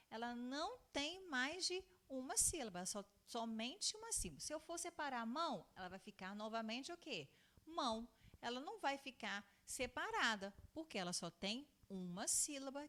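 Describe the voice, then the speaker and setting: Lively-voiced woman teaching children. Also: high voice. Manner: patient, repetitive, asks and answers her own questions; stretches out words slowly when spelling them out. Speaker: primary school teacher. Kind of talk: recorded lesson for young children.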